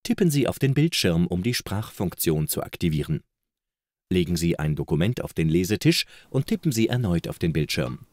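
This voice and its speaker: Male product video narrator: deep, animated scripted promotional read, close and dry. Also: normal speed, no room sound. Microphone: close studio voice-over microphone.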